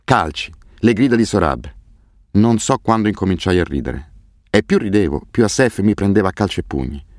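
A man reading a first-person novel aloud as an audiobook narrator, in a grave, measured way. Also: on the low side, lively intonation, dry recording, clean studio sound. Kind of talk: scripted narration.

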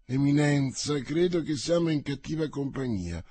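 A man's voice: mid-range voice, expressive, dark tone, breathy edge, no echo. A man doing D'Artagnan, a wry bold musketeer. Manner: mocking, quick-witted. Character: bold witty young male musketeer. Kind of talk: audiobook reading for radio.

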